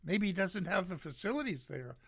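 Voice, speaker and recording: An older radio host giving solo commentary, sarcastic and rambling, with many pauses and fillers. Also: mid-range voice, big pitch swings, a bit bright. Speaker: radio talk show host.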